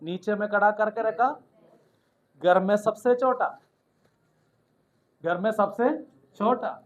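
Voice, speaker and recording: High-voiced male preacher, lo-fi sound. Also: slow. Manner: call-and-response preaching, rising to shouts of hallelujah. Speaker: pastor. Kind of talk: sermon.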